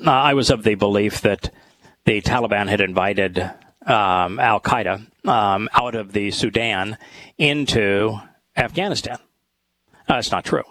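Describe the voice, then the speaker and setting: A man hosting a talk show with scripture study, speaking in a halting, thoughtful way with many pauses. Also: lowish voice, a bit bright, low-quality recording. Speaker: host.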